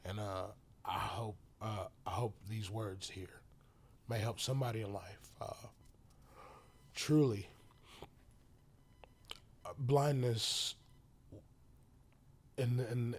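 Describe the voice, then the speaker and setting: A man telling his personal story as a podcast guest, halting and full of restarts, sometimes dropping to a whisper. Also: on the low side, steady tone, breathy edge. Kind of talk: emotional personal testimony.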